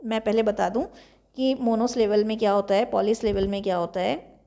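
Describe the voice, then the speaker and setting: A young Indian woman teacher giving an exam revision lecture, explaining slowly and repeating key terms. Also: mid-range voice, fairly even intonation, dark tone.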